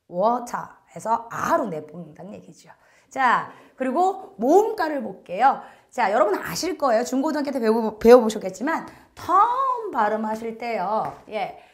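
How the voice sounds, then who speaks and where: A woman instructor giving a recorded English listening lecture, chatting to her students and filling pauses with little prompts. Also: a little high, sing-song. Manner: chatty, addresses students directly, frequent "자" fillers.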